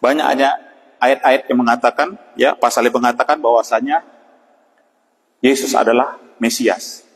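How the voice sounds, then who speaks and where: A man's voice: mid-range voice, steady tone. Man preaching an evening devotional, reverberant. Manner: unhurried, with frequent "ya" and pauses. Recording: long hall reverb.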